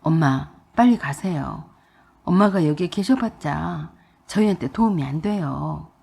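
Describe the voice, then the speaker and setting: A woman's voice: deep voice, expressive, measured pace, vocal fry, dark tone, breathy edge, voice pushed down, full character voice. Woman voicing an exasperated young husband. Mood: pleading. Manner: pleading, exasperated. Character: young husband torn between mother and wife.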